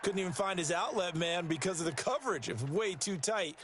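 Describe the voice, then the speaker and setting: A man voicing a football color commentator in a sports video game, explaining plays in a calm, coach-like way. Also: high-pitched, brisk, slight background noise. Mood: analytical. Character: adult male football analyst, calm and knowledgeable. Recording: loud game sound underneath.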